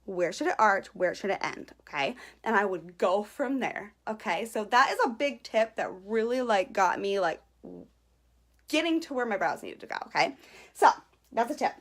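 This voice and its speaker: A woman's voice: a little high, lively intonation, moderate pace, a bit bright. Bubbly woman chatting through a brow tutorial. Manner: chatty, peppered with "okay?", greets viewers; giggly and self-conscious. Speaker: beauty vlogger. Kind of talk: casual live-stream makeup tutorial.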